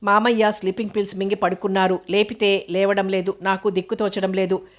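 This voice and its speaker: A woman's voice: medium pitch, flat delivery, fairly quick, natural voice. A woman voicing an anxious young woman in an audiobook novel, speaking in a choked voice.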